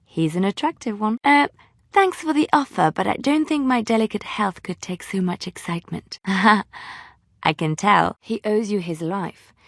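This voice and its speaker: A woman's voice: medium pitch, expressive, unhurried, fairly bright tone, no room sound. Leliana, an earnest woman bard, close and dry. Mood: curious, measured, then wry. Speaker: voice actor in a fantasy role-playing game. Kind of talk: dramatic video game dialogue.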